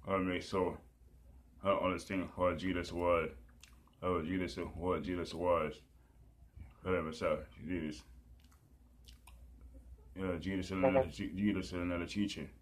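Male preacher, deep and monotone, halting repetitive prayer style, lots of fillers.

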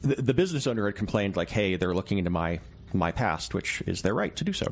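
A male interview guest with a fairly low, creaky voice explains things conversationally yet in a measured way, qualifying each detail like a journalist. He is also very animated.

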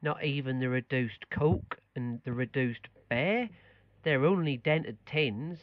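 A man's voice: mid-range voice, slow, no room sound, highs cut off, natural voice. Man playing a stubborn countryman with Norfolk accent. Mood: earnest, thrifty. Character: thrifty, stubborn Norfolk countryman learning to speak. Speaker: pupil of a spoof language tape. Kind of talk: comedy sketch role-play.

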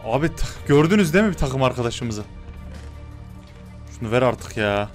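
A young man commentating his own Minecraft gameplay, excitable and quick to get annoyed at his teammates. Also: medium pitch, faint music behind. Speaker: gaming YouTuber. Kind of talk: Minecraft let's-play commentary.

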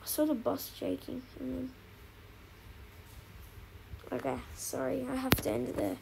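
A woman streams a shooter game and chats to her viewers in a gravelly, fry-heavy voice that sits fairly high. She talks slowly and excitably and repeats lines when something surprises her. Noticeable noise sits under the recording. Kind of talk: casual gameplay commentary.

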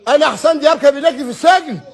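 An enraged man in a heated argument over the phone, shouting threats and repeating himself, on a recorded call. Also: very high voice, racing.

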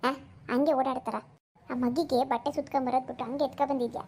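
A woman voicing a bossy older village woman who gives gruff, scolding advice to a new mother in a cartoon. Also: steady tone, fast talker, a little mellow. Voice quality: gruff and lower, rustic. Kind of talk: cartoon voice acting.

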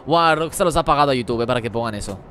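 A man streaming a game live, talking rapidly as he reads and answers the chat. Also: mid-range voice, lively intonation, fairly bright tone, a little hiss or hum. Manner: rapid-fire talk while reading chat. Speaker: gaming streamer.

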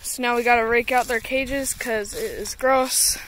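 A female vlogger with a high-leaning voice speaks at a measured pace while filming a casual farm vlog outside on her phone. She stays relaxed, describing her projects as she works, and some light background noise comes through.

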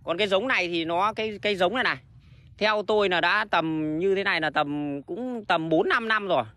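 Fast, bright-voiced blunt man. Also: high-pitched. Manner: blunt, rambling, swears freely, many restarts. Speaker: livestream host selling plants. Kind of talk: casual livestream chat.

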